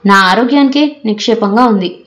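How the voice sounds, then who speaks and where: A woman's voice: fairly high pitch, fairly quick, close to an everyday voice. A woman doing a snapping, anxious mother. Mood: scolding. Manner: sharp, scolding outbursts. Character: irritable anxious middle-aged mother, snapping at family.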